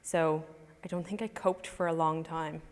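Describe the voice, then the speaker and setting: Low, flat-voiced woman in her twenties. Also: normal speed, in a large hall, a little hiss or hum. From Ireland. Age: 20s. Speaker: interviewee. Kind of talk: documentary interview.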